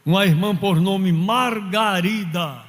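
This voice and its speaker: High-voiced pastor preaching fervently. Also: male voice, takes it slowly, a bit bright. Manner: fervent preaching with story-telling and quoted voices. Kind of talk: sermon. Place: church. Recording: long hall reverb.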